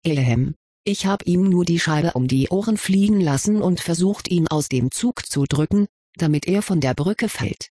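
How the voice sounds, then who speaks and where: A reserved teenage wizard boy, as a reader puts him on, gives short, careful answers in an audiobook. The voice is husky and slightly breathy. The sound is close and dry. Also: mid-range voice, lively intonation, normal speed, warm tone, no echo. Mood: guarded. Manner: curt, cautious answers. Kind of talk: audiobook character reading.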